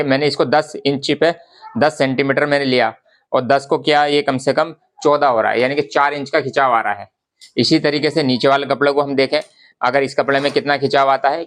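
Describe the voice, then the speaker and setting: Guy, chatty vlogger, keeps repeating his point, middle pitch. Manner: conversational, repetitive, addresses viewers as brothers. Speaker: garment business vlogger. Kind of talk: casual instructional talk to camera.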